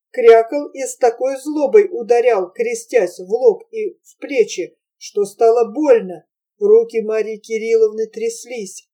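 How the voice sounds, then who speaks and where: A woman narrating a literary novel as an audiobook in a measured, expressive storytelling manner. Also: on the high side, recorded from a distance.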